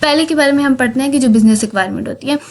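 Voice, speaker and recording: A woman giving an exam-prep lecture, reading English lines slowly and then explaining them in Hindi, checking in often with "theek hai". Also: high-pitched.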